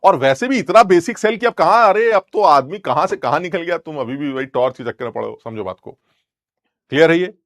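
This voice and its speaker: A young man teaches chemistry in a lively, joking lecture style and keeps breaking off to tease and scold his students. His voice sits a little high for a man. The sound is close and dry, with no room echo. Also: fairly quick. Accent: Hindi.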